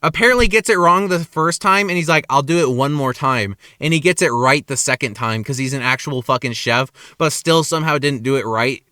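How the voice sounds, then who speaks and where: Young guy vlogger, bright smooth voice, dry close sound, swears a lot while ranting. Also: a little high, brisk, hardly any pauses, no echo. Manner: animated, profane ranting about work. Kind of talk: casual storytelling monologue. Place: parking lot at night.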